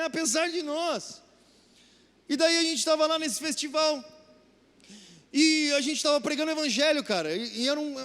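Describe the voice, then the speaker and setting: High-voiced preacher in a reverberant hall. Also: male voice. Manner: animated storytelling, acts out dialogue. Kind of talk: sermon with storytelling.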